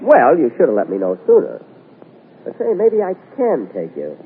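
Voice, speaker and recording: A man hosting a 1940s radio comedy, delivering his lines with indignant, deadpan comic timing, heard as an old AM radio broadcast. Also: on the high side, normal speed, narrow, tinny audio, slight background noise. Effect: old AM radio broadcast sound.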